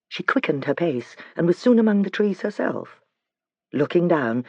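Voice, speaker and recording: A man narrating a storybook with a lively, rising-and-falling pitch and measured pacing. The read is close and dry, with a slightly dull, muffled tone. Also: dry recording. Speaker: audiobook narrator. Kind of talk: scripted narration.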